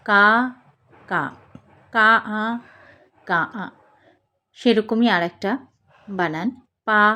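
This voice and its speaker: Female teacher, unhurried delivery, patient, sounds out every syllable carefully. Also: mid-range voice, fairly bright tone. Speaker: Bengali spelling teacher. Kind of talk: slow instructional lesson.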